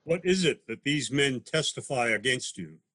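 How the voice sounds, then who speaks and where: A man reading a stern high priest. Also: animated, pushed and bright, husky, dry recording. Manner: solemn, measured scripture reading. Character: stern male high priest accusing a prisoner. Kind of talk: dramatized scripture reading.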